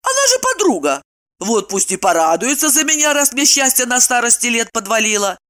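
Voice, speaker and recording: A woman's voice: a little high, very animated, sharp tone. A woman reading an audiobook, voicing a blunt, touchy woman of about thirty. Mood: wistful. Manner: blunt, quick to take offence.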